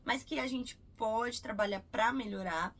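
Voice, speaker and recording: A Brazilian woman in her thirties teaching English in a casual video, patiently repeating example words slowly. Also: fairly high pitch, a bit bright. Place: cruise ship.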